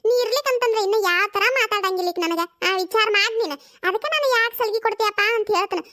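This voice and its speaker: A performer voicing a cheeky, sharp-tongued young village woman in a cartoon comedy, talking with a North Karnataka accent in a rapid, teasing, quarrelsome way. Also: extremely high pitch. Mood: teasing, squabbling. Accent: North Karnataka Kannada.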